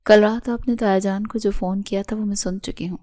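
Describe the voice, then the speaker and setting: A woman's voice: medium pitch, fairly even intonation, warm tone, close to an everyday voice. Cold cutting young wife, proud and hurt, as a woman reads her. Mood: reproachful.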